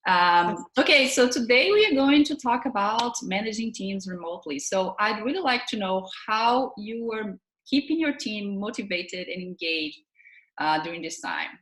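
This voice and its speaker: A woman's voice: medium pitch, animated, moderate pace, a bit bright, echoey room, rough recording. A woman in her thirties hosting a videocast, friendly and conversational, talking with a guest over a video call from home. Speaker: host. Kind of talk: remote video interview.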